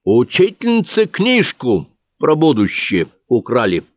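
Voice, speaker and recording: A man's voice: mid-range voice, wildly swooping pitch, a little slow, dry recording, pitched above the performer's own voice. A man voicing a stern, self-satisfied village bookkeeper who questions a crowd, in a dry, slightly dull recording. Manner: bossy, questioning, pleased with himself.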